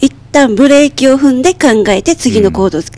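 A woman's voice: high-pitched, expressive, brisk, a little mellow. A mother, a guest on a local radio show, telling a story thoughtfully with some hesitation.

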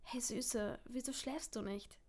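A woman reading the lines of a gentle, worried young boyfriend in an audiobook, in a soft, hushed, coaxing voice. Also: fairly high pitch, brisk, natural voice.

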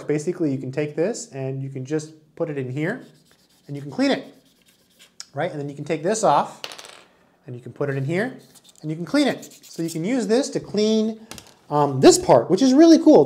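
A man's voice: fairly high pitch, warm tone. Chatty man demoing a water bottle. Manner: chatty, enthusiastic, demonstrating while talking. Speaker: product reviewer. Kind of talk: casual product review vlog. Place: small indoor room with wood-panel wall.

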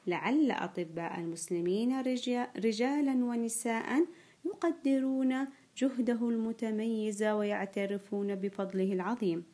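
A woman playing a primary school teacher leads an online grammar lesson. She draws out key words slowly and says them twice. She quizzes the children and praises each answer. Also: a little high, warm tone. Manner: slow, drawn-out repetition of key words; frequent praise and quiz questions to pupils.

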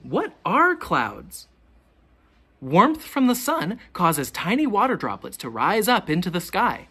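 This is a storybook read-aloud: a teacher with a husky voice shares a picture book with young children, pausing to ask expressive, carefully paced questions.

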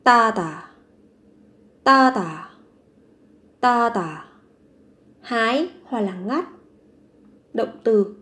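A woman teaching a vocabulary lesson, saying each word three times and then explaining it patiently. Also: a little high. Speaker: language teacher. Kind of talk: vocabulary lesson, repeating words slowly.

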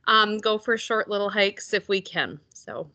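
Bright, chatty woman, muffled lo-fi call audio. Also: mid-range voice, lively intonation, a little slow. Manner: friendly, chatty with fillers. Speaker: compliance specialist. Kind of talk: self-introduction on a video call. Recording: dull lo-fi audio.

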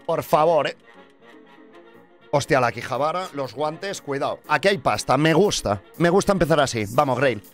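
A young man from Spain with a Spanish accent, commentating his gaming and breaking into loud cheers, his voice going hoarse. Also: on the high side, moderate pace. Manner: excitable, bursts into loud cheering and shouting. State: losing his voice. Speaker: gaming streamer. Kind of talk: excited gameplay commentary. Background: background music.

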